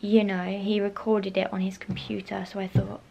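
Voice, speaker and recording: A woman's voice: mid-range voice, little pitch movement, normal speed, creaky, warm tone, breathy edge, dull audio. Young woman vlogging, rambling and repetitive. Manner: rambling, repeats herself, drops to a whisper at times. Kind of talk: casual vlog chat. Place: bedroom at home, indoors. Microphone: handheld camera close to face.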